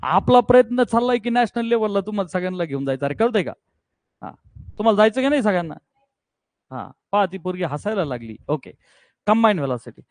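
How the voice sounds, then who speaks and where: Male physics teacher, high voice, energetic and coaxing with his class, dry sound. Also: fast talker, dry recording. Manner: energetic, coaxing, keeps checking students understand. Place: classroom with students.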